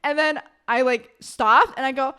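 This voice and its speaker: A young woman co-hosting a podcast, chatting casually and telling personal stories in an excitable, giggly way. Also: sits high, moderate pace, clear, resonant tone. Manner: excitable, giggly, animated storyteller. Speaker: podcast co-host. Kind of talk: casual chat, personal storytelling.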